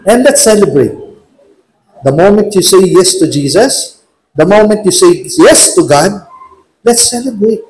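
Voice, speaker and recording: A man with a Filipino accent giving a humorous church talk in a chapel, acting out shouting couples. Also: sits high, rough recording. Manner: jokey, acts out shouting couples. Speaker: lay preacher.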